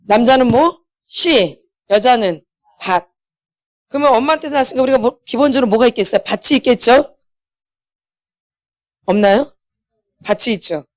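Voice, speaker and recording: A woman's voice: a little high, no room sound, studio quality. A middle-aged woman, a pastor's wife, giving a church healing lecture, asking her listeners questions and repeating the key words back to them. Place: church hall.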